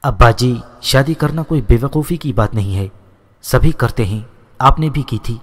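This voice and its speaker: Man voicing a defiant young son, firm and steady, long reverb. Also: mid-range voice, close to an everyday voice.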